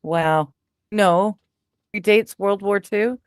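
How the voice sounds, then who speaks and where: Male co-host, unhurried and easygoing, clear voice, close dry mic. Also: high voice, no room sound. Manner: laid-back, agreeable. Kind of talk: casual chat.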